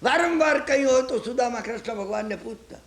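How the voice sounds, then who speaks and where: A man's voice: very high voice, fast. A man giving a storytelling religious lecture, constantly checking on his listeners with rhetorical asides. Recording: echoey lecture hall.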